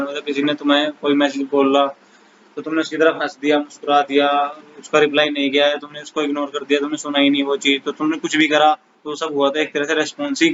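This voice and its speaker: A man teaching an exam-prep lesson in casual Hindi mixed with English, reading English definitions slowly and calling viewers bhai and guys. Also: fairly high pitch, a bit bright, lo-fi sound, a little hiss or hum.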